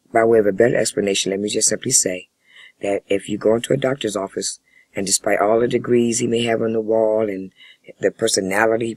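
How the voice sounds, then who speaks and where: A man speaking as a family therapist in a role-play session, with a husky voice and measured, formal, wordy phrasing. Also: on the low side, dry recording, low-quality recording. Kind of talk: spoken counseling role-play demonstration.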